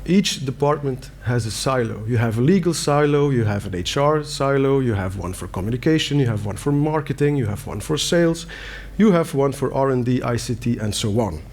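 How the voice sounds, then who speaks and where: A Belgian man whose first language is Dutch speaks with a Belgian Dutch accent, giving a conference talk in a conference hall. His mid-range voice is animated, brisk and a little mellow with few pauses, and there's slight background noise. He comes across as earnest, using plain wording with fillers and restarts.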